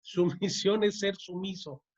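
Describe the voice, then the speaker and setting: With a medium pitch and an unhurried, slightly mellow delivery, a church teacher leads a parenting class; the highs in the recording are cut off. She keeps asking her audience "¿sí?" and repeats key words to make them land.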